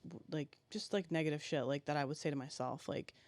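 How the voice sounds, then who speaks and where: A man guest on a podcast, telling a personal story haltingly and with emotion, full of fillers and restarts. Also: a little high, fairly even intonation, darkish tone, dry recording.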